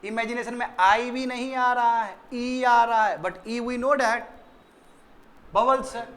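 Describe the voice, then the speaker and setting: A man's voice: very high voice, steady tone, takes it slowly, a bit bright. A man with an Indian English accent teaching a grammar lesson in a classroom, quizzing students and repeating their answers.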